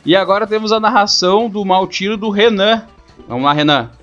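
A man's voice: high voice, a little fast, a bit bright. A man with a southern Brazilian accent casually hosting a football talk show. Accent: southern Brazilian, Rio Grande do Sul. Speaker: host. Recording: dull lo-fi sound, music behind.

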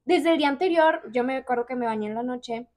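A young woman with a Mexican accent, co-hosting a casual podcast chat as an animated storyteller who steers the conversation. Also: sits high, fast. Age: young adult. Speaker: podcast co-host.

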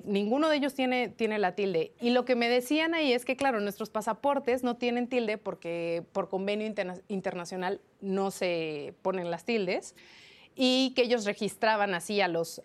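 A woman's voice: medium pitch, normal speed. Mexican woman journalist, explains grammar like a teacher, lots of um and well. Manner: didactic, lively, many fillers. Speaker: journalist guest. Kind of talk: explanatory interview answers.

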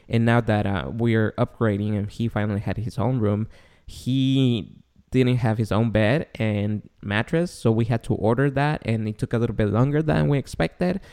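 Clear-voiced non-native man, echoey warehouse-like room. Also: dark tone. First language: not English. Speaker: podcast host. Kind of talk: casual chat. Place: large, tall apartment room. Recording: echoey voice in big, high-ceilinged room.

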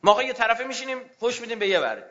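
Fervent high-voiced male preacher. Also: very animated, lo-fi sound. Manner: fervent, swings between loud outbursts and hushed low passages. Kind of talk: impassioned religious sermon. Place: religious gathering.

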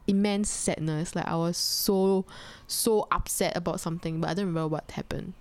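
Young Singaporean woman, lower-pitched voice, casual conversational partner who reacts and asks questions. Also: steady tone, normal speed, darkish tone.

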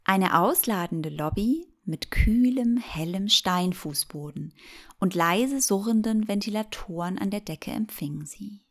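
A woman narrating a bedtime sleep story in a calm, soothing, gentle and unhurried way. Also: medium pitch.

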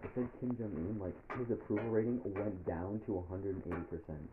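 A young man joking around in a casual chat with a lowish voice. Loud background noise runs under him. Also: brisk, narrow, tinny audio. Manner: chatty, joking. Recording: home recording with loud noise.

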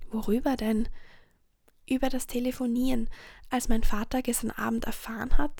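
Woman whispering a storybook, gravelly. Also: a little high, dry recording, studio quality. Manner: soft whisper, gentle and slow, with small slips and restarts. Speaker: reader of a children's story. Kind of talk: whispered story reading, ASMR.

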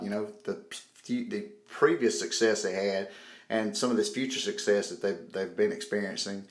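A man hosting a podcast, talking casually to his listeners as he introduces the show. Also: on the low side. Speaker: podcast host. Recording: roomy echo, faint music behind.

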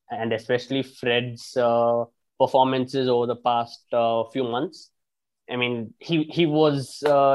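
Recorded in low quality, a mid-range male voice belongs to a football fan making his case in a relaxed podcast conversation. Lively and loose, he keeps restarting his thoughts, adds fillers, and drops casual curses.

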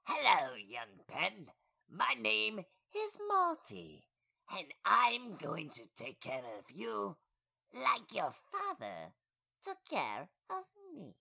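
A man voicing Morty, a male robot radio host who tells scary stories in a slow, theatrical manner. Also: high-pitched, wildly swooping pitch, creaky, sharp tone, pitched above the performer's own voice, exaggerated voice. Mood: gentle. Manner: slow, theatrical spooky storyteller.

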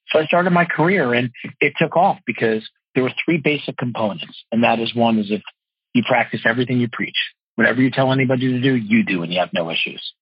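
Earnest fast-paced male interview guest, forties, slightly raspy, close dry lo-fi recording. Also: mid-range voice, no echo. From New Jersey. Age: 40s. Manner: earnest, fast-talking, expressive storyteller. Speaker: guest, financial wholesaler and speaker. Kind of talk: podcast interview storytelling. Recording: dull lo-fi dry podcast audio.

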